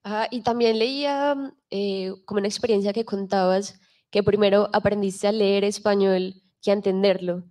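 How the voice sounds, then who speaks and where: A woman moderating a festival conversation, asking questions in a relaxed, conversational way. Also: mid-range voice, moderate pace.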